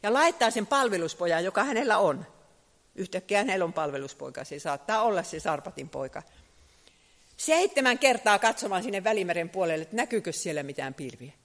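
A man preaching a sermon, telling the story in a lively way, his voice swelling loud and then dropping low. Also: big-room sound.

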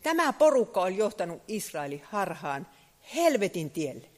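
A man preaching a sermon, telling the story in a lively way, his voice swelling loud and then dropping low. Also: big-room sound.

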